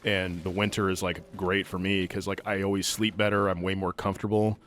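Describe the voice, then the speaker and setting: Low-voiced man in his thirties, rambling. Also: little pitch movement, fairly quick, fairly bright tone, a little hiss or hum. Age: 30s. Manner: rambling, self-interrupting, swears casually. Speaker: let's play host. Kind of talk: casual gameplay chat.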